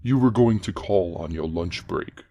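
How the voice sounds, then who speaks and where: An actor playing a scheming villain uncle who speaks in a slow, measured, menacing way. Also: female voice, very deep voice, warm tone, muffled recording, full character voice. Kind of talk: audio drama acting.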